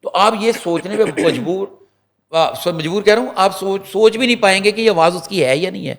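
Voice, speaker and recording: A man, a senior journalist, telling a story as a guest on a talk show. He talks to the viewers directly and acts out what people said. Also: high-pitched. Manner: animated storyteller, acts out quotes; restarts and fillers, addresses viewers directly. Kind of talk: conversational talk show commentary.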